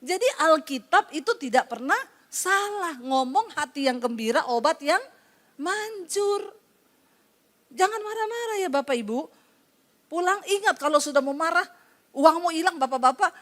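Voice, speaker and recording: A woman pastor preaching at a church service, telling animated stories, acting out the people in them and laughing often. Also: extremely high pitch, normal speed, pauses often. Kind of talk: sermon.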